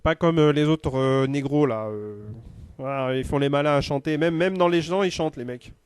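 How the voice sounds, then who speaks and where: A man playing an arrogant, boastful male colonizer who talks haltingly, with many fillers. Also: a little high, clear, resonant tone, no echo, close to an everyday voice.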